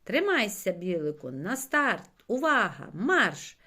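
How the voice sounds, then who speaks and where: A woman reading aloud and voicing an excitable little boy character from a children's storybook, eager and shrill with delight. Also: a little slow. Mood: excited.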